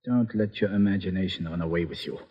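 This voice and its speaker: An actor playing a small, secretive, resourceful ally in an old-time radio adventure, speaking in careful, formal phrases with a husky voice. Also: male voice, low-pitched, fast, muffled recording. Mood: guarded. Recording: reverberant old radio recording.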